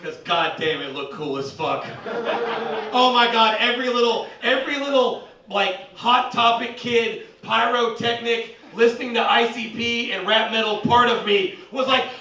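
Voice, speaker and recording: A brash man performs stand-up with a high, bright voice, cursing freely and breaking into shouted bits. The sound is roomy and reverberant, like a small club stage, with the voice set back from the microphone. His delivery is loud and punchy. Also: moderate pace, distant mic, a little hiss or hum. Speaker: stand-up comedian.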